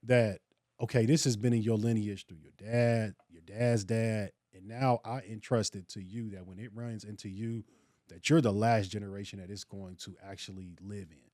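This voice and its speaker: A man's voice: on the low side, moderate pace, no room sound, studio quality. A man, co-hosting a casual podcast talk in an earnest, preacherly way. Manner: earnest, preacherly, animated storytelling. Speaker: podcast co-host.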